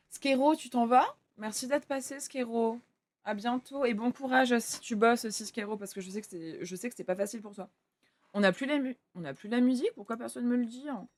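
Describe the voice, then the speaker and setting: A young woman streaming live, chatting casually with her viewers and swearing offhandedly. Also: a little high.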